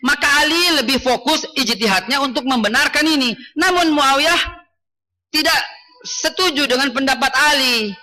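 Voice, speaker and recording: High-pitched, bright emphatic male preacher. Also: normal speed, rough recording. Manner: emphatic, repetitive chanting cadence. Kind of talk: mosque lecture.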